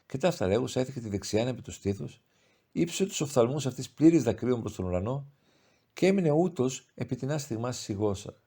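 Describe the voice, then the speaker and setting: A man reading a classic short story aloud as an audiobook narrator, measured and expressive with formal old-style prose. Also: medium pitch, breathy edge. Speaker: audiobook reader. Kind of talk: scripted literary narration.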